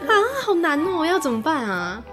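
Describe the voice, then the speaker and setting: Young female co-host, bright lively voice, giggly banter over background music. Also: high-pitched, moderate pace. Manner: playful, laughs often, mixes in English words. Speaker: podcast co-host. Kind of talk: casual chat.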